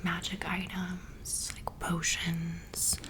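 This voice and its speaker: An ASMR creator whispers close to the mic in a roleplay as a friendly teenage cheerleader in a club, chatty and welcoming. Her voice is lowish and monotone, delivered extremely slowly.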